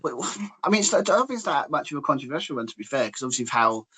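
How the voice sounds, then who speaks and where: Man, podcast co-host, casual football talk, rapid, rambling, hedging. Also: mid-range voice, sing-song, bright, forceful tone, breathy edge. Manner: rambling, piles up restarts and hedges.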